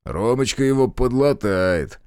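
A man voicing a sharp, ruthless male partisan commander who speaks in clipped, commanding phrases. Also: on the low side, big pitch swings, normal speed, dry recording, studio quality. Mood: grim.

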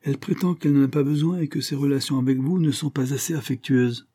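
A man's voice: mid-range voice, fairly even intonation, warm tone, no room sound, pitched above the performer's own voice, natural voice. A man reading aloud, voicing a dry, cutting old English lawyer who speaks curtly, coldly and with measure. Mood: cool. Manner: curt, cold and measured.

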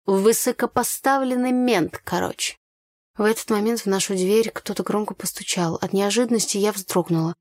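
Woman narrator, mid pitch, dry close recording, first-person audiobook read. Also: steady tone, fairly quick, hardly any pauses, a little mellow, dry recording.

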